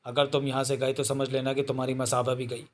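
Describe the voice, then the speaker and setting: A man's voice: medium pitch, completely flat delivery, brisk, natural voice. A man voicing a stubborn, loving girl who speaks insistently and reproachfully.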